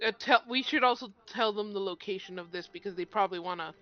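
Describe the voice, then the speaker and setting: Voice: mid-range voice, fast talker. A tabletop player speaking casually and hesitantly, often restarting. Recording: dull lo-fi voice chat with faint music.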